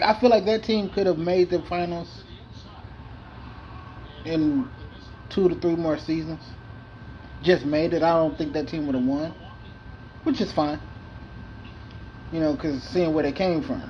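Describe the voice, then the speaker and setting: Rambling, profane man at a higher pitch. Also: muffled recording, slight background noise. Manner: rambling, loose and profane, with restarts. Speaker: video game player. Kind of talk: casual gameplay commentary.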